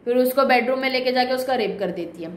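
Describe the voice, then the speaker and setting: Woman film recapper, high voice, chatty and wry asides, roomy echo, faint hiss. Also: fast talker. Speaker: movie reviewer. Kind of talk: casual movie story recap.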